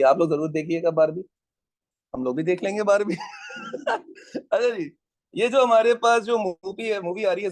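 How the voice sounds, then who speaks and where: A man's voice: high-pitched, dry recording. A man teaching an economics class in a casual, joking way, drilling his students on pronunciation.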